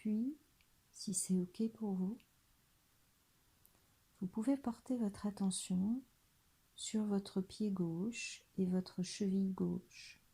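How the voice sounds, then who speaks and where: A woman leads a body scan meditation in a soft, breathy voice that sits at medium pitch and drops almost to a whisper. She sounds gentle and soothing and leaves long pauses.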